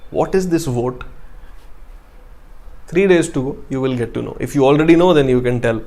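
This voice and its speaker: A man's voice: mid-range voice, moderate pace, a little mellow. A man with a North Indian accent teaching a casual live online class, speaking English sprinkled with Hindi phrases and addressing students directly. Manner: addresses students directly with short check-ins. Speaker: online exam-prep chemistry teacher.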